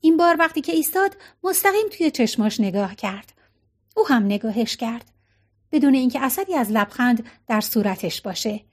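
A woman narrating an audiobook in an expressive storytelling manner. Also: fairly high pitch. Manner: expressive storytelling, lightly voicing each character's lines.

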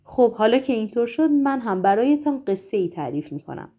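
A woman's voice: a little high, sing-song, mellow, breathy edge. Woman doing a sly boastful talking tomcat. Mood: playful. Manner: playful, mock-humble.

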